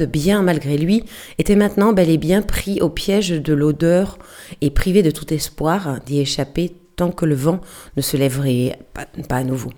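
A woman reading a novel aloud as audiobook narration, steady and measured. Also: deep voice. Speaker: audiobook reader. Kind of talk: scripted narration.

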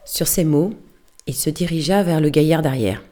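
Woman audiobook reader, low pitched and mellow, measured delivery. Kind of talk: scripted narration.

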